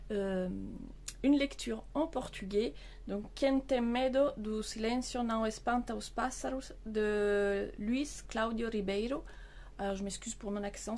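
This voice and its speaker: A woman's voice: on the high side, a little mellow, a little hiss or hum. A woman chatting casually about her books in a vlog, hesitant, with many fillers and restarts. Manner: talks with her hands. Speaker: book vlogger. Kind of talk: casual chat. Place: outdoor terrace.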